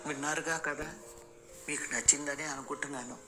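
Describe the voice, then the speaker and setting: A man narrating a comic audio story in an expressive, lively way. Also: on the high side, brisk. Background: background music.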